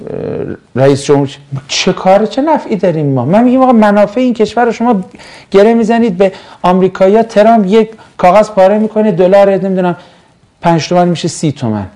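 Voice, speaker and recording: This man from Mashhad answers viewers' questions as a religious teacher in a relaxed live chat. His voice sits a little high, with a soft, dark tone. He talks with animated, sarcastic swings in pitch. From Mashhad, Iran.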